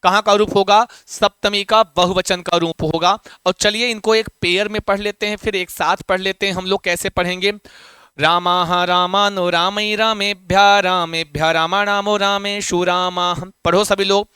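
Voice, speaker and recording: A man's voice: high-pitched, fairly even intonation, normal speed, hardly any pauses, bright, forceful tone, smooth, no echo, clean studio sound. A man teaching Sanskrit grammar for an exam, repeating his own questions to students and chanting word forms in rhythm. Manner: repeats questions to students and calls them "beta". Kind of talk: exam-prep classroom lesson.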